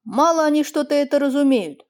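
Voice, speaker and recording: Lady doing a humble grieving old peasant guy, plaintive and fawning, a bit louder and higher. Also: animated, a little fast. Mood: sorrowful. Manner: plaintive, deferential. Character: older peasant man, meek, sorrowful, fawning.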